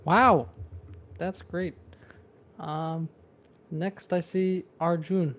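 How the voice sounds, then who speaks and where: Guy running an online meeting, kinda higher voice, jokey side comments. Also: fairly even intonation, extremely slow, fairly bright tone, muffled recording. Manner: friendly, light teasing remarks. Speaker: meeting host. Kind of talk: casual meeting introductions.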